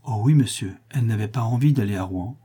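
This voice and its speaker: A shrewd lady's maid in her late thirties who answers with polite, matter-of-fact composure, as a man reading the story voices her. The voice stays low and husky. It is part of a storybook reading. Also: fast talker, mellow.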